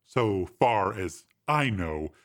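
A man reading a story aloud, voicing a formal, composed male bodyguard in a deep, measured voice. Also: expressive, a bit bright, full character voice.

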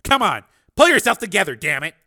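A man's voice: very high-pitched, fairly quick, bright, forceful tone, voice pushed up, exaggerated voice. A man voicing a desperate, urgent army sergeant on the run in an audiobook story. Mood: shaken, urgent. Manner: urgent, strained, commanding. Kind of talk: acted dialogue in audiobook narration.

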